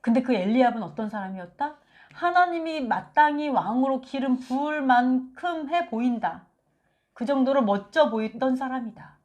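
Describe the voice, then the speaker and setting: A woman giving a conversational Bible teaching, lively and acting out quotes from scripture. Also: high voice, moderate pace, lo-fi sound. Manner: animated, acts out biblical quotes.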